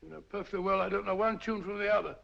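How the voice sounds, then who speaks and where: An actor playing a bluff, good-natured doctor and sidekick in a 1940s film, with a gravelly, hearty voice. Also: male voice, sits high, steady tone, racing, fairly bright tone, full character voice. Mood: chatty. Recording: dull lo-fi old film soundtrack.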